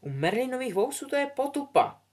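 A man doing a shrill gossipy schoolgirl. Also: very animated, darkish tone. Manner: high shrill exclamations.

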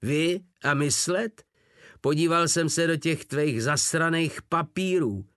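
A man's voice: a little high, fairly bright tone, smooth, dry recording, clean studio sound, voice pushed up, lightly acted. A man voicing a brutish male gang boss who rages and spits out threats through gritted teeth. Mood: menacing.

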